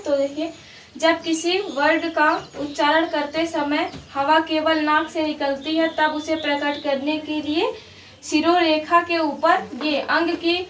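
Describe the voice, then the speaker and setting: A woman's voice: sits high, a bit bright. A woman teaching a grammar lesson, explaining patiently and repeating each example while checking that her students follow. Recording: roomy, distant mic with faint background noise.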